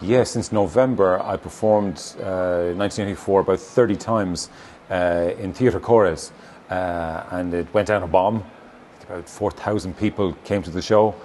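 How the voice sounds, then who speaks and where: Low-voiced man, west of Ireland accent. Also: fairly even intonation, unhurried, darkish tone. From Galway, west of Ireland. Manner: hesitant, feeling for words. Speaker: stage actor. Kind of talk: interview answers about own work. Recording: clearly noisy location recording with ambience.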